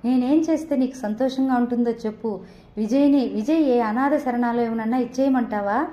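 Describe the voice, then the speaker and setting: A woman's voice: on the high side, normal speed, warm tone, lightly acted. A woman voicing a loving, remorseful young daughter who speaks tenderly and pleadingly. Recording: dull, roomy echo.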